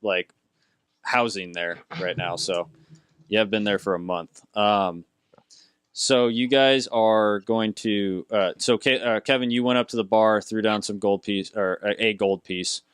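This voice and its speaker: Young man, game master, low voice, smooth, dry close sound, hesitant narration with fillers. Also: steady tone, a little slow, fairly bright tone, no room sound.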